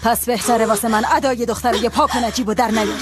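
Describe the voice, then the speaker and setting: A woman's voice: on the high side, fairly even intonation, lightly acted. A woman dubbing a stern, scornful older mother who scolds in a cutting way. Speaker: mother-in-law figure in a dubbed series. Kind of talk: dubbed TV drama acting.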